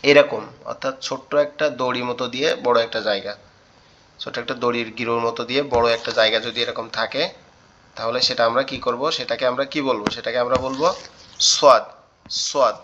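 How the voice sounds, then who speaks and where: A man's voice: mid-range voice, fairly even intonation, fast, bright, forceful tone, a little hiss or hum. A man teaching Arabic letters in an online class, patiently repeating each sound and questioning his students. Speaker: Quran teacher. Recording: dull online call audio.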